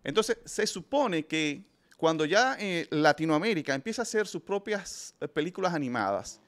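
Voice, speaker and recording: A man's voice: a little high, sing-song, moderate pace, fairly bright tone. A man hosting a film review show, giving opinionated casual commentary and speaking emphatically to his listeners, often restarting his sentences. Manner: emphatic, addresses listeners directly, frequent restarts.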